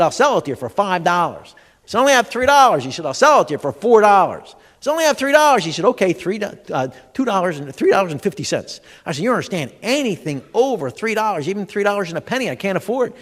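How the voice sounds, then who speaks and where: A man doing stand-up comedy for a live audience, telling stories and acting out the dialogue. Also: high voice. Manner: animated storyteller, acts out dialogue, addresses audience. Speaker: comedian and humor educator. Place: large expo hall before a live audience. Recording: long hall reverb.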